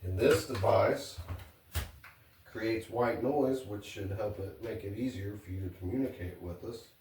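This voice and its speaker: A man talks as a paranormal investigator inside a house, explaining things politely to unseen spirits. He sounds distant from the mic in an echoey room, with clear noise over the recording. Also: on the low side, a little slow, darkish tone. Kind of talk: ghost hunt narration, calling out to spirits. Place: indoors in a farmhouse.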